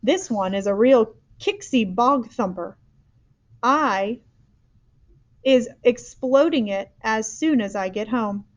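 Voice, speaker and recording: A woman's voice: a little high, animated, slow. A woman doing a bumbling friendly old giant. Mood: fierce. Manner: mangled grammar, made-up words. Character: big friendly old male giant, muddled grammar. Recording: dull lo-fi recording.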